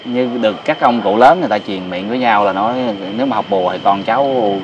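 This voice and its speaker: A man's voice: lowish voice, very animated, fast talker, gravelly, muffled recording. A man hosts a vlog, asking short, deferential, probing questions. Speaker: vlog host interviewer. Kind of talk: casual interview. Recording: noisy outdoor ambience with passing vehicles.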